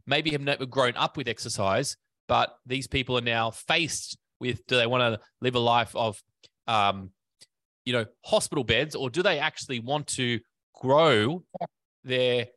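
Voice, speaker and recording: A fitness business podcast host chats casually in an interview, his mid-range, fairly bright voice peppered with fillers and restarts. There's no echo.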